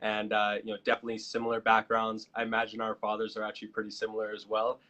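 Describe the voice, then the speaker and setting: A man's voice: fairly low pitch, monotone, quick pace, sharp tone, dull audio. An American man hosting a live online show, making upbeat promotional plugs with frequent fillers. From United States. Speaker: host.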